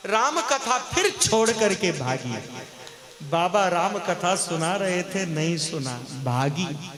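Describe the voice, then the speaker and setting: A man's voice: high-pitched, lively intonation, takes it slowly. A man with a Bihari Hindi accent preaching a devotional story to a live crowd, acting out what the figures say and breaking off to speak to the audience. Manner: dramatic, acts out quoted lines, talks to the crowd. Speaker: kathavachak. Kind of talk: devotional storytelling sermon with sung verses.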